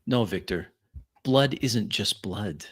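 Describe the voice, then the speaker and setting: Roleplaying a refined vampire in a tabletop game, a man lectures in a measured way while narrating his own actions. His voice is fairly low, animated and slightly breathy.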